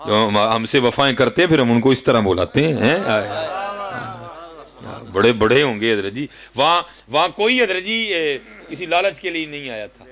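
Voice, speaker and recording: A man in his thirties with a Punjabi accent, preaching a sermon with fervent rhetorical questions, sudden leaps in pitch and frequent address to his listeners. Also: expressive, a bit bright. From Pakistan. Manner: keeps addressing listeners as "hazrat ji". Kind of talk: Urdu sermon.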